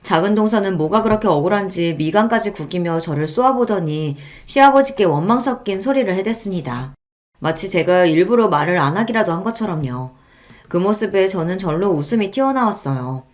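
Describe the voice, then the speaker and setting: Woman narrating a first-person story. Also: lowish voice.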